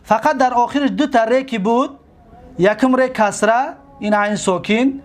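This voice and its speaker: Man, Tajik accent, high voice, classroom lecture, repeats terms, quizzes students. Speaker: teacher.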